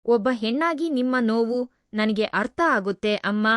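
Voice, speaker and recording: A soft, caring young housemaid, as a woman narrator puts her on, pitched a little higher than the storyteller's own voice. She soothes and pleads gently, always coaxing. The recording is dry and close, with no room sound. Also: moderate pace, no room sound, lightly acted. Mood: soothing.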